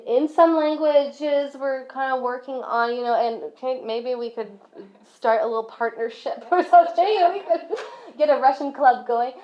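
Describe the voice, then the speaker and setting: A woman from a school's language program talking casually to parents in a friendly, chatty way. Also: fairly high pitch. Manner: friendly, chatty, many fillers. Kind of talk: casual presentation talk. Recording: dull lo-fi recording.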